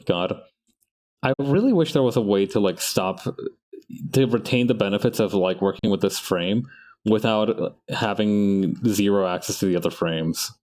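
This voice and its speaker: While drawing on a live stream, a man chats casually and rambles to himself, often restarting his sentences and correcting himself. His voice sits on the low side with a darkish tone, and he talks at a normal speed.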